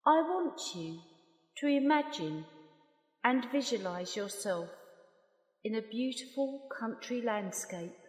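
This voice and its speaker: Female meditation guide, slightly high voice, calm and unhurried, roomy echo. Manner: calm, soft, unhurried with long pauses. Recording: roomy long reverb.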